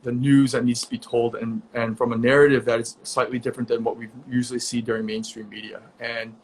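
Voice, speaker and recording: A young man hosts an online conversation over a video call, his voice sitting in an ordinary middle pitch. He talks casually and upbeat, filling gaps with ums and quick restarts. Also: level tone, a little hiss or hum. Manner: casual, upbeat, with frequent fillers. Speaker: host. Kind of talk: virtual event interview.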